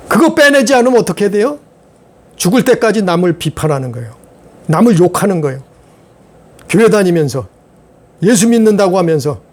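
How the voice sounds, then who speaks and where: High-voiced preacher asking rhetorical questions. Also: male voice, a little mellow. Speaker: pastor. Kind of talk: sermon.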